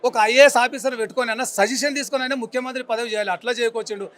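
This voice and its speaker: In a street interview, a Telangana Telugu-accented man in his forties, a member of the public, rages emphatically and repeats his insults. His very high-pitched voice races and sounds a bit bright.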